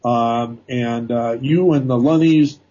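An American man casually hosting a live radio call-in show in a hesitant, halting way. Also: medium pitch, warm tone, muffled recording.

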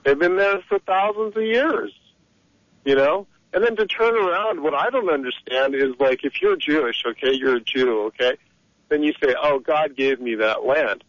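Calling a radio talk show from Egypt, a man with a slightly high voice speaks at a moderate pace. He's heated, rambling and opinionated, heard without echo through a dull lo-fi phone connection.

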